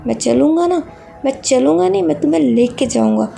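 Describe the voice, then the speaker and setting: A woman's voice: high-pitched, animated, brisk, vocal fry, dark tone, faint music behind, heavily acted. A woman voicing a playful, affectionate young man in a read-aloud story, teasing and coaxing. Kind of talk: reading a fan fiction story aloud.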